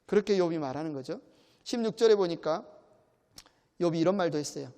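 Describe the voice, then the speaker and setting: Male pastor, high voice, emphatic sermon delivery; long church-hall reverb. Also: animated, fairly quick, warm tone. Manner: emphatic, rhetorical questions to the congregation. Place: church sanctuary.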